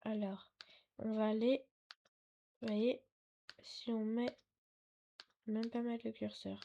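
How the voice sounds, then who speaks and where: A woman's voice: fairly high pitch, flat delivery, slow pace, vocal fry, dark tone, lo-fi sound. A woman hosting a casual computer tutorial, hesitant and apologetic, full of fillers and self-corrections, at her computer with a desktop mic she sometimes drifts away from. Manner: apologetic and chatty. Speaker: tech tutorial host. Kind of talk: casual screen-recorded tutorial. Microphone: desktop mic, sometimes too far away.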